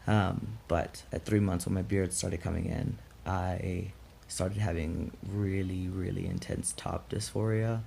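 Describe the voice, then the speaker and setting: A young man talking casually and candidly on a personal vlog, in a reflective, halting way with some gravel in his voice, recorded outdoors. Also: sits low, dark tone, slight background noise. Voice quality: gravelly, throat-clearing. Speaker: vlog host. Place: outdoors in chilly morning air.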